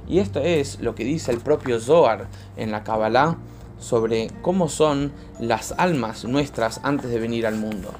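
A man's voice: medium pitch, unhurried, a little mellow, faint music behind. Man giving a short sermon.

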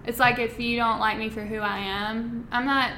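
A woman's voice: on the high side, flat delivery, moderate pace, pushed and bright. A young woman with an Alabama accent chatting casually in a laid-back, blunt, self-deprecating way. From Florence, Alabama, United States. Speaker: interview guest, reality show cast member. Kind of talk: casual chat. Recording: echoey room with faint noise.

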